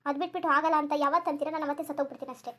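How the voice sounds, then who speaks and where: A woman doing a lovesick young cartoon woman, very high voice, rapid-fire pleading, clingy. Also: fairly even intonation, pushed and bright. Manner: pleading, insistent, repeats herself. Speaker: cartoon character. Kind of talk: Kannada cartoon voice acting.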